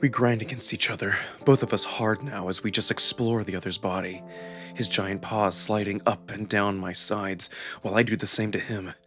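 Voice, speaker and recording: A man with a low voice narrates a visual novel in the first person at normal speed. His storytelling feels intimate and expressive, and music plays underneath.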